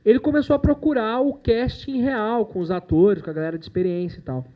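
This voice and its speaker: A man chats loosely with students in a lecture room, cracking jokes and dropping slang. His voice sits a little high, and the sound comes through muffled and lo-fi. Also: fairly quick. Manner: chatty, jokey, with slang and swearing. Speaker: animation producer giving a talk. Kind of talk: casual talk to university students.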